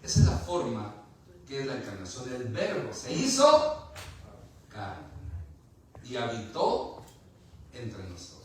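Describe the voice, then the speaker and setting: A man preaches in a lively, rising and falling voice, tossing questions out to his congregation and slipping in a joke now and then. He speaks slowly and deliberately, and he sounds set back from the mic in a very echoey hall with a faint background hum. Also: mid-range voice. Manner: preaching with rhetorical questions and humor. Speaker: pastor. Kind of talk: sermon. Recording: echoey room from far off.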